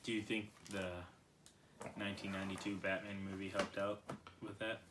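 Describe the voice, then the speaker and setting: A young man co-hosting a casual chat, curious and full of quick questions and reactions. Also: lowish voice, flat delivery, background noise. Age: young adult. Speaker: co-host asking questions.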